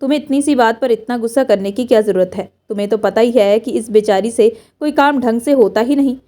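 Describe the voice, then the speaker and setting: A woman's voice: fairly high pitch, a little fast, dark tone, lightly acted. Woman reading as a haughty older mother-in-law. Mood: condescending. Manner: condescending, pompous.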